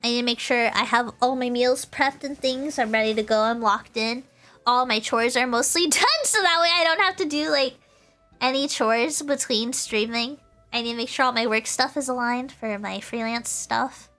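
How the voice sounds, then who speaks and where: A woman VTuber livestreamer chats casually with her viewers in a bubbly, giggly way, often repeating her phrases. Her voice is a little high, pushed and bright, at a moderate pace, with faint music playing behind her.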